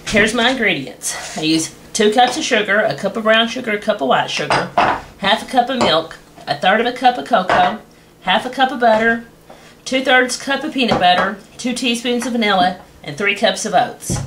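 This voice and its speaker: A woman's voice: on the high side, normal speed. A young woman, walking through a home cooking recipe step by step in a folksy, homey way in her kitchen. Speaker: cooking show host. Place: home kitchen with wooden walls. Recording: noisy home camcorder audio.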